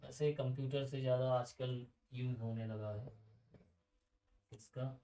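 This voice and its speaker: A man's voice: mid-range voice, fairly even intonation, a little slow, dark tone, echoey room, recorded from a distance, rough recording. A man teaching a computer lesson in a casual, chatty way, asking his students questions and drifting into side stories.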